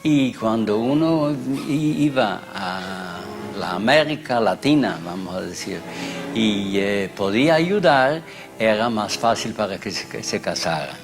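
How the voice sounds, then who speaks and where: Older Hungarian-born male interviewee; slow, halting delivery over a music bed. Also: fairly low pitch, lively intonation. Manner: halting, searching for words. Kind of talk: documentary interview.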